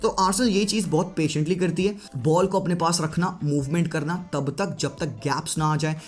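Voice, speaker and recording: A man's voice: on the high side, brisk. Chatty male football analyst. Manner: lively Hinglish commentary, mixing Hindi and English; chatty, addresses viewers as bhai. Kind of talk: casual tactical breakdown.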